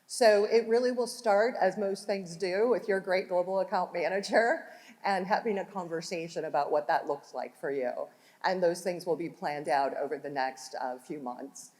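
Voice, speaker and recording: A woman's voice: lowish voice, normal speed, a little mellow. A woman hosting a corporate panel Q&A in a conference hall, talking conversationally with many fillers. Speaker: panel host. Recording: hall reverb from room mic.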